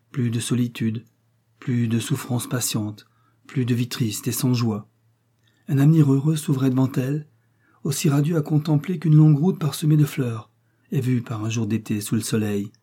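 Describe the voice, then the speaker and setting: Mellow, husky male audiobook narrator. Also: fairly low pitch. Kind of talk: scripted narration of a classic novel.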